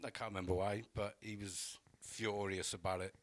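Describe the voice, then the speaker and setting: A man's voice: fairly low pitch, flat delivery, moderate pace. A man hosting a casual podcast, easygoing and laughing through his own stories. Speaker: podcast host.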